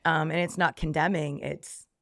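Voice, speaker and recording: A woman's voice: deep voice, level tone, moderate pace, creaky, fairly bright tone, no echo, clean studio sound. A woman guest on a podcast giving a reflective faith testimony, with frequent ums, acting out her own past thoughts in quoted lines.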